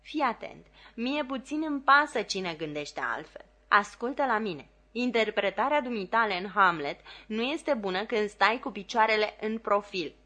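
A woman's voice: mid-range voice, expressive, few pauses, pushed and bright. A woman voicing a fussy, bossy male theatre dresser who lectures the actor he serves.

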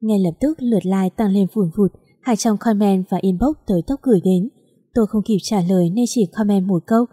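A woman reading a story aloud in a steady, even narration. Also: mid-range voice, brisk, husky, dry recording, studio quality.

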